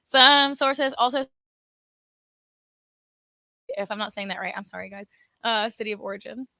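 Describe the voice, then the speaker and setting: A woman's voice: a little high, brisk, creaky, bright, forceful tone, no echo. A woman co-hosting a casual livestream, chatty and giggly, with lots of "like" fillers, talking in a room with cameras and lights. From West Virginia and South Florida. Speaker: co-host of a livestream.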